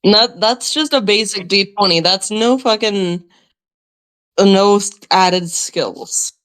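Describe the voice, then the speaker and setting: A woman's voice: medium pitch, slow, a bit bright. A woman playing a tabletop role-playing game, rambling and swearing casually with lots of restarts.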